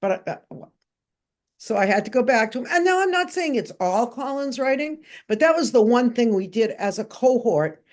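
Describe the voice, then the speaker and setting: A woman's voice: fairly high pitch, moderate pace. An older woman from New Hampshire, a guest education consultant, telling stories in a podcast interview and acting out the voices she quotes. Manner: lively anecdotal storytelling, acting out quoted voices.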